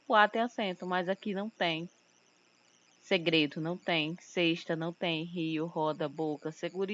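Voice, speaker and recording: A woman teaching a recorded lesson, explaining step by step and slowly repeating example words. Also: on the low side, fairly bright tone. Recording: muffled lo-fi home recording.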